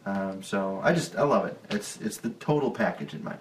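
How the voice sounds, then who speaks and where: Brief: young male podcast co-host, Buffalo New York accent, lowish voice, rambling and laughing, faint hiss. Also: lively intonation, normal speed, poor audio. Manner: laughs often, rambling with restarts. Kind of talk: casual chat.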